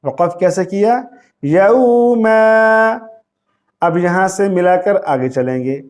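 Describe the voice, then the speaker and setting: A man teaching Quran recitation, reciting each word slowly in a melodic chant, repeating it, and adding plain spoken instructions. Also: sits high, a little mellow, faint music behind. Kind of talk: slow step-by-step recitation lesson.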